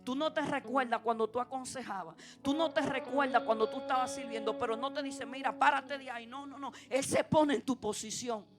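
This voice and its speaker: A woman preaching a sermon at a church service, asking the congregation repeated questions and swinging from emphatic peaks to low, intimate passages. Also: brisk, few pauses. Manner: impassioned, rising to emphatic peaks then dropping low and intimate. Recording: preaching over background music.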